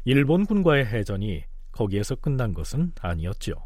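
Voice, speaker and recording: A man's voice: medium pitch, big pitch swings, a little fast, a little mellow, dry recording, studio quality. A man hosting a history programme, explaining events in a storytelling narration.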